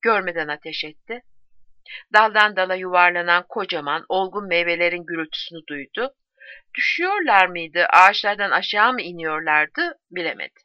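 A woman narrating a war story in a grave, measured reading voice. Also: lowish voice, expressive, dry recording. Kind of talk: audiobook narration. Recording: dry dull audiobook recording.

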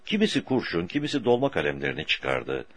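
A man reading a story aloud for an audiobook in a slow, deliberate way, with a husky voice. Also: low-pitched, sing-song, no echo. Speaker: audiobook narrator.

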